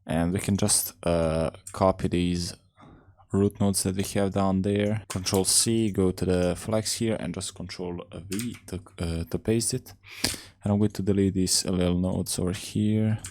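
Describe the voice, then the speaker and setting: A man's voice: sits low, flat delivery, measured pace, darkish tone, slight background noise. A young man, a music producer, casually talking through a tutorial in laid-back slang with many "uh" fillers. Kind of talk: casual screen-recorded tutorial. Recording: faint music underneath. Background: music playing in the session.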